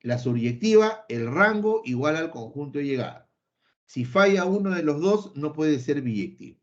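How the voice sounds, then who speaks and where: A man's voice: fairly high pitch, animated, moderate pace. Emphatic man teaching math. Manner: playfully voices an imagined student answering him; repetitive, emphatic, addresses students directly. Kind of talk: recorded online math lesson. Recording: slightly dull lo-fi recording.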